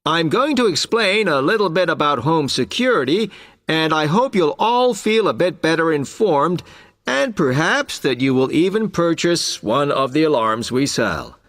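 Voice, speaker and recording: Lively, higher-pitched salesman played by an actor. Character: polite, informative male home-security salesman. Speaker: alarm salesman. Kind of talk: scripted sales presentation for listening test.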